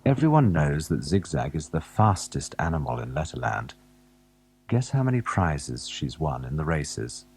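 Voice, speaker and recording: A man narrating a children's alphabet storybook, gently asking the young listener questions as he goes. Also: extremely low pitch, very animated, normal speed, creaky, background noise.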